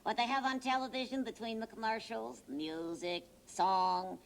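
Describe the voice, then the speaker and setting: A woman's voice: on the high side, steady tone, normal speed, vocal fry. A woman voicing a cheeky, wisecracking young male horse puppet on a children's show, with a brash, slangy manner. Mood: sassy.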